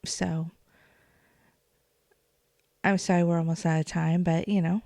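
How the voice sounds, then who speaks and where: A woman co-hosting a podcast, calm and supportive as she wraps up. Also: fairly low pitch, unhurried, gravelly, dry recording, studio quality. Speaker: podcast co-host. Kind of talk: casual podcast chat.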